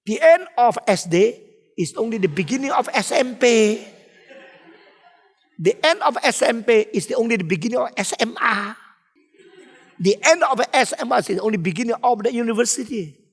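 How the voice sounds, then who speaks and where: A man with a notably high voice preaches an expository sermon, telling stories emphatically and stopping often to ask rhetorical questions. His words ring out with a long reverb, as in a large hall. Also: lively intonation, normal speed, husky. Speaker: pastor.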